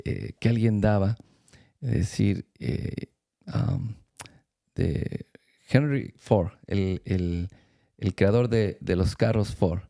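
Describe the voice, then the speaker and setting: A man speaks as a church speaker in a faith-based talk, his voice gravelly with a deep, mellow darkness. He tells stories at an unhurried pace, pausing often and restarting his phrases as he gathers his thoughts. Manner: storytelling with many pauses and restarts.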